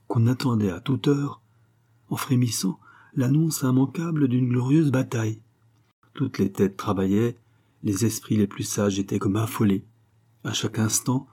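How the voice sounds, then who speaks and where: A man narrating a classic novel as an audiobook in a measured, literary reading. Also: lowish voice, dark tone, breathy edge. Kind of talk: scripted narration.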